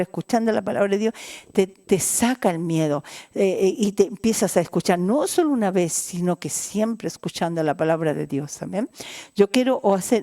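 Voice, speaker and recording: A woman's voice: medium pitch, dark tone. A woman pastor closing a sermon and leading a fervent prayer with many repeated invocations.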